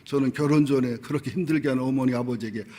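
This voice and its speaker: A man's voice: mid-range voice, fairly even intonation, quick pace, dark tone. A middle-aged male pastor giving a sermon, telling personal stories candidly and with humor, acting out the voices he quotes.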